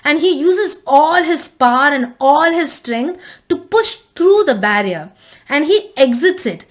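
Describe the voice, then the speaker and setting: A woman's voice: high-pitched, expressive, measured pace. A woman casually recapping and reviewing a TV episode, rambling with frequent restarts and fillers.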